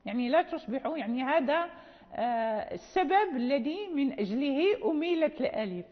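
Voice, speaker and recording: A woman teaching Quran recitation rules, explaining slowly and repeating phrases with checking questions. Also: high-pitched, lively intonation. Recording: dull lo-fi sound in a reverberant hall.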